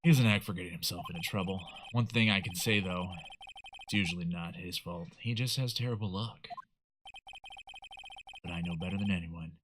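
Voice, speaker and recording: A man voicing a nervous young male rookie lawyer, reading narration in a low, hushed, quick way. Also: noisy background, natural voice.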